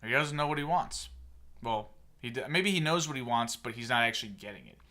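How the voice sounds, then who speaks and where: A man's voice: mid-range voice, lively intonation, fairly quick, bright, forceful tone. A man in his thirties hosting a casual sports podcast, opinionated and sarcastic as he rants. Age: 30s. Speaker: podcast host.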